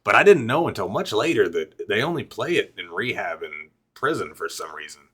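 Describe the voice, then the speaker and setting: Young man, casual talk to camera, swears a lot, rambles and restarts, pitch swings widely. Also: sing-song, fairly quick, fairly bright tone, breathy edge. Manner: profane, rambling, self-interrupting. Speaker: vlogger and rapper. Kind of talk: casual personal storytelling to camera.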